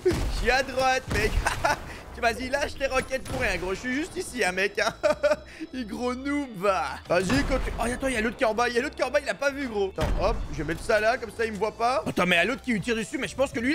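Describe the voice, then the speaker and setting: A young man with a strikingly high voice narrates his Fortnite match as he plays it. His talk is animated and slangy, full of buddy-words. Faint game music sits beneath him. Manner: animated, slangy, keeps saying "gros" and "mec". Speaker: gaming YouTuber. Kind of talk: excited Fortnite gameplay commentary.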